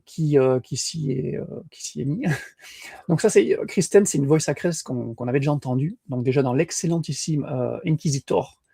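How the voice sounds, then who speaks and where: A man's voice: a little high, normal speed, creaky, dark tone, slightly rough, no room sound, studio quality. A man co-hosting a podcast in casual chat, hesitant with many fillers and restarts. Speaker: podcast co-host.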